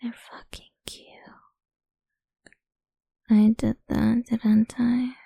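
A woman voices a cruel, domineering character who taunts in a crude, hushed whisper for a menacing whispered audio roleplay. Her tone is dark and heavy with gravelly fry, set somewhat high in pitch, moving slowly and levelly with little rise and fall. The sound is dry and close, with no room sound, and she commits fully to the character.

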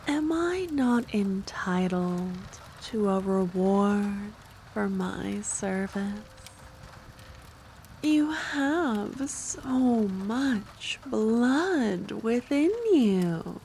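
A woman's voice: a little high, creaky, darkish tone, slight background noise, heavily acted. A woman voicing an ancient, seductive and possessive female vampire in an intimate, teasing ASMR role-play. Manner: slow, intimate, teasing, drawn-out delivery.

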